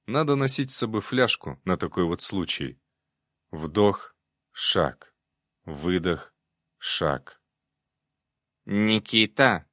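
A man narrating a fantasy novel in the first person, reading in an even, steady way. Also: low-pitched, takes it slowly, long pauses, no room sound, studio quality. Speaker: audiobook narrator.

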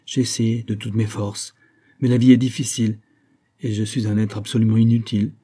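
A man reading the lines of a weary, resigned young woman in an audiobook, softly and without changing his own voice much. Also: lowish voice, flat delivery, a little fast, husky.

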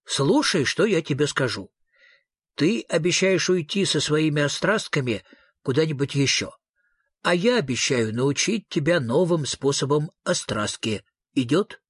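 A man voicing a calm, kindly inventor with a gentle, persuasive manner in an audiobook reading. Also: on the high side, measured pace, breathy edge, dry recording, studio quality.

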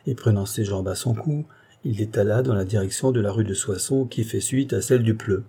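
Dark, husky male audiobook narrator. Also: lowish voice. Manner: steady, measured literary reading. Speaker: audiobook reader. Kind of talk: scripted narration.

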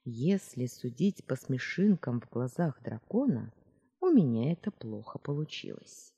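A woman reading a first-person story aloud with expressive storytelling. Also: extremely low pitch, a little slow, vocal fry, husky. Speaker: audiobook narrator. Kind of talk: scripted first-person narration. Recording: roomy reverb.

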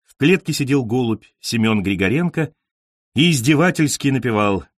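Lively, theatrical male storyteller. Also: mid-range voice, moderate pace, no echo, clean studio sound. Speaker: narrator. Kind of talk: dramatic literary reading.

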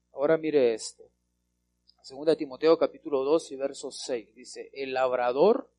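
A man preaching a Bible teaching sermon, speaking emphatically, stretching key words slowly, often asking rhetorical questions and calling his listeners brother. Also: mid-range voice, darkish tone.

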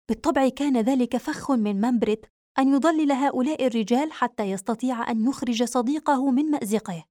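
A woman narrating a novel aloud in a measured, even reading style. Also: fairly high pitch, dry recording, studio quality. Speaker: audiobook narrator.

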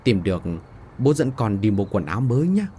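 A man's voice: fairly low pitch, big pitch swings, fairly quick, dark tone, slight background noise. A man voicing a poor, earnest village father who pleads and fusses in a spoken ghost story. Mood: coaxing. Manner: eager, pleading.

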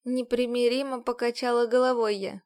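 A woman reading a novel aloud in the first person, with a fairly high voice. She tells the story in an even, measured way. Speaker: audiobook narrator. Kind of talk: scripted first-person narration.

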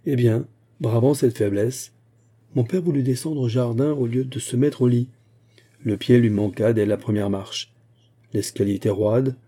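A man reading a powerful old musketeer in an audiobook who has turned gloomy and superstitious. He speaks earnestly and heavily, a little above a dark, husky narrating voice. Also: medium pitch, moderate pace, close to an everyday voice. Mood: brooding. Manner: brooding, earnest telling of family omens. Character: Porthos, strong aging musketeer, gloomy and superstitious.

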